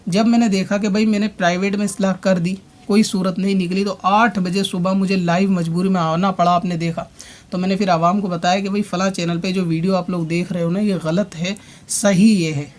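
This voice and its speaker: In a high-pitched, level voice, a religious online commentator delivers a long rebuttal monologue, speaking directly to his opponent and restating his points as he explains at length.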